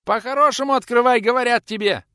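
A man voicing a brash, self-important young church servant who shouts his orders. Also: extremely high pitch, fast talker, smooth, no echo, studio quality, voice pushed up. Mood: shrill insistent.

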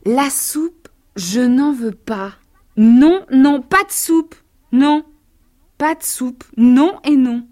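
A woman voicing a stubborn little boy in a storybook, shouting defiant refusals of his soup. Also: sits high, lively intonation, drawn-out words, pauses often, pitched above the performer's own voice, exaggerated voice.

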